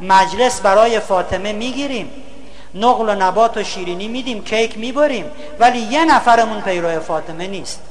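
A man with a high voice gives a lecture on values. He keeps it humorous, telling stories and imitating other people's voices to get laughs. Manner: storytelling, mimicking others for laughs. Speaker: public speaker.

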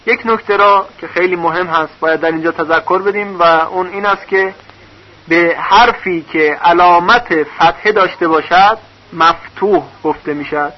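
A man's voice: high voice, fairly even intonation. A man teaching a recorded lesson on reading vowel marks, patiently spelling out syllables one by one. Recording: dull lo-fi recording.

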